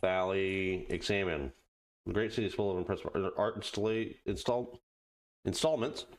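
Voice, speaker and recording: A man giving casual let's play commentary, muttering halting asides to himself and reading on-screen text aloud. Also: low voice. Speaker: gaming video host.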